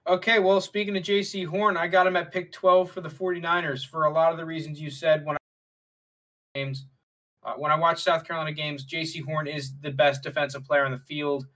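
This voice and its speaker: A man co-hosting a casual sports talk show, relaxed and using many fillers. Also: a little high, brisk. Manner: relaxed, filler-heavy, leads the segments. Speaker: podcast co-host. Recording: voice distant from the mic.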